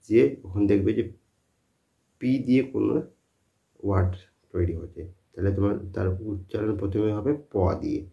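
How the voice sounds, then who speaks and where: Low-voiced male teacher, dull lo-fi sound. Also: vocal fry. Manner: repetitive, asks and answers own questions. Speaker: English teacher. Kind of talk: spoken lesson.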